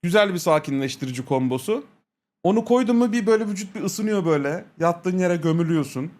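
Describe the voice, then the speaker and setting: A man's voice: sits high, expressive, fast talker, a little mellow. A man streaming, telling a crude, profane story in casual chat, laughing often and quoting people with repeated "he said".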